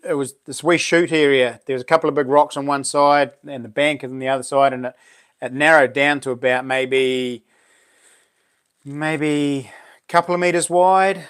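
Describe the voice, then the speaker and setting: A man's voice: medium pitch, a bit bright, smooth. A man in his late forties with a broad New Zealand accent, chatting casually to livestream viewers in laid-back, blokey slang. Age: late 40s. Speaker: livestream host. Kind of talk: casual live chat with viewers.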